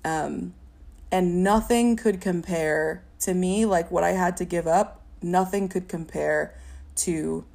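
A young woman giving a personal testimony in an interview, talking in a halting, reflective way with many fillers and a stutter. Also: lowish voice, fairly even intonation, vocal fry, darkish tone. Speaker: interview guest.

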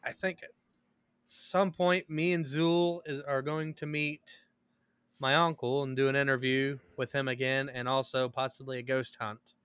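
A man's voice: medium pitch, little pitch movement, normal speed, fairly bright tone, clean tone, dry recording, clean studio sound. A man co-hosting a podcast, chatting casually with crude, profane jokes and a rambling, laughing manner. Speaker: podcast co-host.

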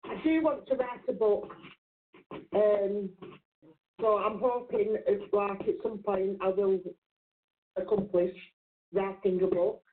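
A woman's voice: mid-range voice, steady tone, takes it slowly, pauses often. A British woman from the UK, a guest on a talk show, answering hesitantly and shyly. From United Kingdom. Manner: hesitant, shy, laughs off compliments. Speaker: guest, psychic. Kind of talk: casual interview answers. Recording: tinny phone-like call audio.

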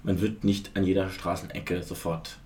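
A man's voice: deep voice, level tone, moderate pace, a little mellow, reverberant. A man who performs in drag, talking as a podcast guest in a thoughtful, frank, somewhat hesitant way. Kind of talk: casual podcast chat.

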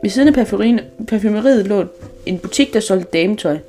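A woman reading a children's story aloud, unhurried, with small restarts. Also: mid-range voice, animated, dark tone, faint music behind.

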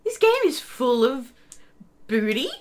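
A woman's voice: on the high side, very animated, unhurried. A woman co-hosting a podcast in casual chat, enthusiastic and giggly, laughing often. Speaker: podcast co-host.

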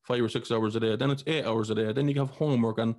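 A man's voice: medium pitch, fairly even intonation, fast talker, a little mellow. Blunt Irish man in his forties. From Ireland. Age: 40s. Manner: blunt, heated, swears freely. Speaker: podcast host. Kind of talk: casual conversation.

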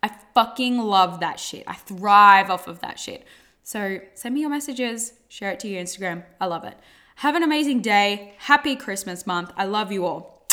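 A woman's voice: mid-range voice, animated, normal speed, bright, forceful tone. A woman hosting a casual motivational podcast, speaking informally and emphatically with repeated phrases and casual swearing, and pronouncing her R's like W's. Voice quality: cannot pronounce R's properly, r sounding like w. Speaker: podcast host and coach.

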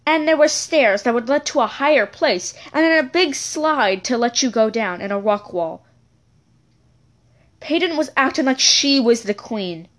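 A woman tells a childhood story in a loose, rambling way, stopping to correct herself and chat with her listeners. Her voice sits high and bounces around a lot in pitch. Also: lively intonation, unhurried. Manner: rambling, self-correcting, chatty asides. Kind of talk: casual storytelling episode.

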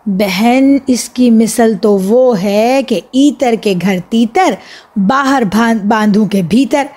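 A woman voicing a scolding, gossipy mother with sharp chatter. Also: a little high, lightly acted.

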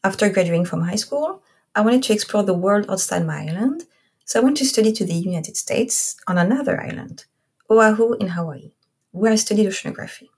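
Her mid-range voice is expressive and fairly quick, a little mellow with a breathy edge. She's a podcast host in her thirties from Corsica, France, with a French accent, carefully reading a scripted intro before moving into a casual interview with a guest.

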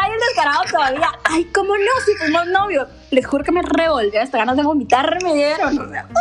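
A woman of twenty-nine, co-hosting a casual chat. She tells stories in an animated way, swears freely and acts out the dialogue. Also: sits high. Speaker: podcast co-host.

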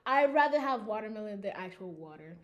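A woman's voice: mid-range voice, animated, a bit bright. A young American woman co-hosting a podcast, chatting casually and giggling often with lots of fillers. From United States. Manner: giggly, many fillers, quick asides. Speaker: podcast co-host. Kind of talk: casual chat.

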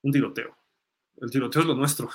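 On a live sports fan podcast, the host talks sports casually at a fairly quick clip. His mid-range voice holds a steady tone as he thinks aloud, reads out listener comments and answers them in a conversational way.

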